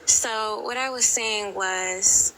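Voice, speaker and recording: A woman's voice: medium pitch, slow pace, sharp tone. A woman guest on an online panel, arguing casually and protesting in a defensive way. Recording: very noisy, clicky online call audio.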